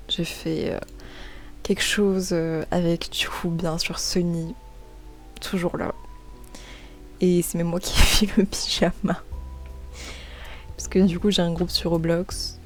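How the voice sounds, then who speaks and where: Chatty, excitable woman with a lowish voice. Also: unhurried, pauses often, faint music behind. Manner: chatty, excitable, stammers and repeats words. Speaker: gaming and art YouTuber. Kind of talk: casual gaming and drawing commentary. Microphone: desk microphone.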